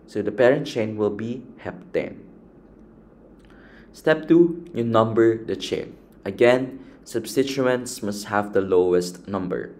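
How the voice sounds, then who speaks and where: A man's voice: lowish voice, takes it slowly, a little mellow. A man patiently explaining a chemistry lesson step by step and counting items aloud. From Philippines. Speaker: chemistry teacher.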